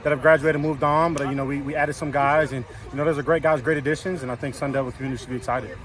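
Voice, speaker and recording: A young man who plays offensive line in college rattles off answers outdoors after practice, his loud voice carrying over the crowd chatter. The pitch is fairly high and the tone steady, his speech quick, repetitive and full of fillers, and the recording is rough.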